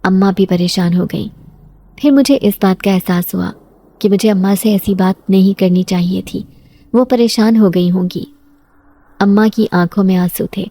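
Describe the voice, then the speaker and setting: Close to the microphone, a woman tells a scripted horror story in the first person, her mid-range voice holding a steady narrative delivery.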